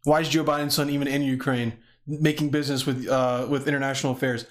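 A man's voice: mid-range voice, little pitch movement, fast talker. A young man hosting a casual podcast, rambling and swearing as he jokes. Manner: profane, rambling, joking. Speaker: podcast host. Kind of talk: casual chat.

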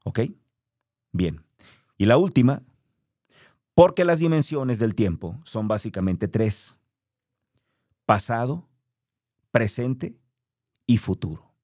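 A man's voice: medium pitch, animated, takes it slowly, long pauses, mellow, no echo, studio quality. A man hosting a podcast, speaking earnestly and directly to the listener in a reflective motivational monologue. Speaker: podcast host.

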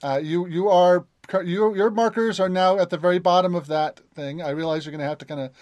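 A man's voice: high-pitched, steady tone, a little fast, darkish tone, dry recording, lo-fi sound. A man narrating as game master in a tabletop game, hesitant, with many fillers and restarts.

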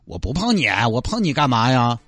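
A man's voice: medium pitch, very animated, a little fast, fairly bright tone, dry recording, clean studio sound, pitched below the performer's own voice. A man voicing an earnest young male city enforcement officer, patient and reasoning. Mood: pleading.

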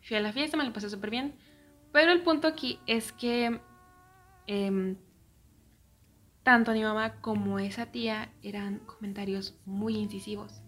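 A young woman with a Mexican accent telling a personal story in a casual way, often dropping into soft, near-whispered asides. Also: medium pitch, measured pace, pauses often.

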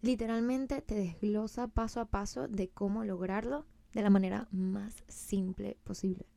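A young woman hosts a casual solo podcast in a mellow voice with plenty of vocal fry. She is chatty and emphatic, slipping English words into her talk. The sound is close and dry, with no room to it. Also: medium pitch, fairly even intonation, unhurried, no room sound. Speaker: podcast host.

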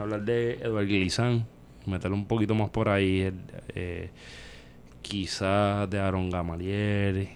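Man, Caribbean Puerto Rican Spanish accent, lowish pitch, irreverent slangy podcast chat, rumbly noisy recording. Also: a little mellow. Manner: irreverent, slangy, swears freely. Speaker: podcast host.

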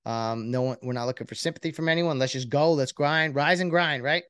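A man's voice: on the high side, a bit bright, smooth, no room sound. Rambling man, dry close sound. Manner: rambling, earnest, self-reflective; halting with many restarts and fillers. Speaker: podcast host. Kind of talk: casual solo podcast monologue.

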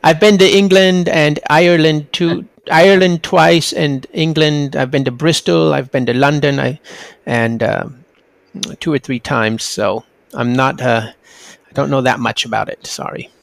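Higher-pitched, creaky-voiced man hosting a podcast. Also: fairly even intonation, unhurried, no room sound. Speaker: podcast host. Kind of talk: casual interview chat.

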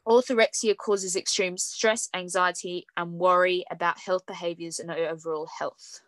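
A woman's voice: lowish voice, steady tone, moderate pace, fairly bright tone, no room sound. A young woman hosting a podcast, chatting casually with frequent fillers and light laughs. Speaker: podcast host. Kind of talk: casual conversational podcast chat.

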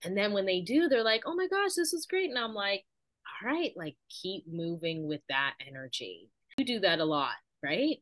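Woman, podcast host, lowish voice, reflective, casual interview chat, dry close sound. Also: animated, moderate pace, a bit bright, no echo. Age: adult with children.

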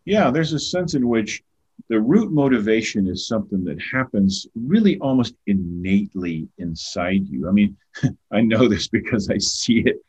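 An older man speaks as a podcast guest in a conversational, earnest way, often repeating words when he begins a thought. His voice is loud, fairly low, and expressive, with a breathy edge and a normal pace. The recording has a dull, lo-fi sound.

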